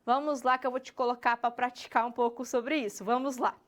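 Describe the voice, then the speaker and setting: A woman gives a recorded English lesson in a high voice. She speaks straight to the student, checks understanding with quick tags, and stretches out the English example questions slowly when she models them. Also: steady tone. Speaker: English teacher.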